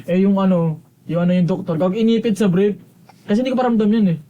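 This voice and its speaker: A man's voice: high voice, fast, warm tone, lo-fi sound. A young Filipino man co-hosting a podcast, telling crude stories and swearing a lot in casual banter. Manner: crude, storytelling, swears often. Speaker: podcast co-host. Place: recording studio.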